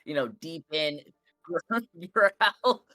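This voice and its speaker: A man's voice: fairly high pitch, expressive, extremely slow, sharp tone, no room sound. Rambling, playful male game caster. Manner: rambling, playful, many fillers. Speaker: esports caster. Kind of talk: casual live game commentary.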